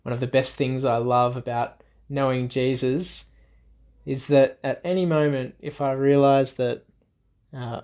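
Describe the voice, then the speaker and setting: Reading a Bible story for children, a man uses his mid-range, darkish voice expressively. His phrases are simple and repeated, and he puts questions to his young audience.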